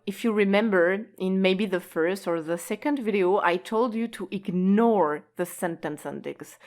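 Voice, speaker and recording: This online language teacher is a woman who speaks at a mid-range pitch. She explains patiently and unhurriedly, stretching out the key words and sometimes laughing softly.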